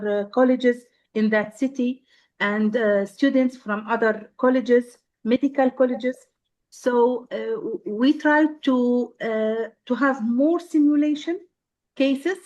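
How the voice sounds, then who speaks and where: A woman from Syria with a fairly high voice talks on a video call, stopping and restarting her sentences with many fillers. The audio comes through dull and lo-fi. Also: darkish tone. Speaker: nursing professor, guest. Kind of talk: casual panel chat.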